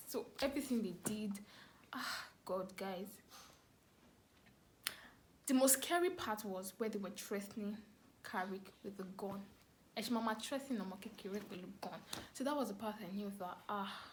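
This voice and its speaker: A young adult vlogger and storyteller with a Nigerian accent talks to camera in a medium-pitched voice, with a little hiss or hum in the recording. Her personal story comes across casual and expressive, and she repeats phrases for emphasis.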